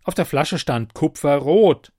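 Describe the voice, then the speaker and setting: A man's voice: a little high, animated, measured pace, no room sound, clean studio sound, voice pushed up. A man doing an exasperated woman's voice. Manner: indignant, sharp. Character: exasperated woman, tax office clerk.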